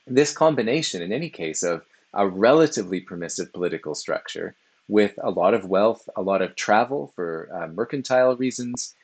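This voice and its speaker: A man giving a recorded philosophy lecture, explaining at a measured pace with frequent "uh" fillers. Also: lowish voice, expressive, slightly rough.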